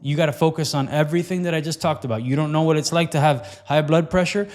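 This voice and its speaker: A man's voice: a little high, steady tone, quick pace, darkish tone. A man coaching on fat loss in an earnest, loose motivational talk, with repetitive phrasing and plenty of fillers.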